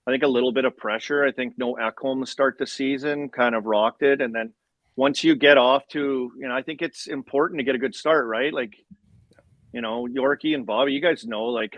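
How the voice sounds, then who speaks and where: A man's voice: mid-range voice, dry recording, muffled recording. A man talking casual sports as a slangy, chirpy hockey bro ex-player. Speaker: former hockey player guest.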